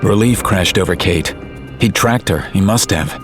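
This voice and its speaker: Beneath this low male voice, a clear music bed plays as he reads an audio drama. His delivery stays calm, steady and measured, a storyteller's pace.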